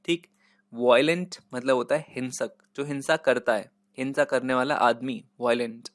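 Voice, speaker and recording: Patient teacher, dry sound. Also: male voice, medium pitch, a bit bright, no room sound. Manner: patient, repeats each word and spells it out. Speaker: English teacher. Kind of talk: Hindi-English vocabulary lesson.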